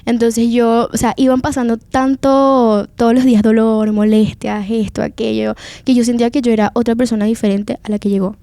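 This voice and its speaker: A woman's voice: fairly high pitch, little pitch movement, brisk, few pauses, mellow, no room sound. A young woman from Venezuela with a Venezuelan Spanish accent, telling her faith testimony as a guest in an earnest, confiding way.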